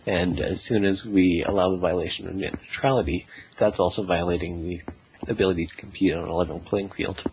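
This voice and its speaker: A man's voice: deep voice, steady tone, brisk, a little mellow, a little hiss or hum, low-quality recording. A man in his twenties answering interview questions thoughtfully, with many fillers. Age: 20s. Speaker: political party representative, guest.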